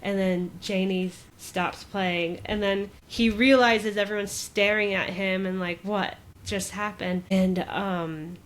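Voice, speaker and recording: A woman's voice: medium pitch, steady tone, slow, few pauses. Brief: a casual podcast co-host, a woman with a mid-range voice, rambling and laughing through a retelling. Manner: chatty retelling, peppered with "like" and laughs. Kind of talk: casual chat.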